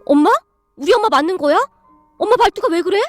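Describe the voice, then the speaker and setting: A woman's voice: very high-pitched, very animated, a little fast, faint music behind. A woman doing a whiny grown son. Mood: pleading. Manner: whining, pleading.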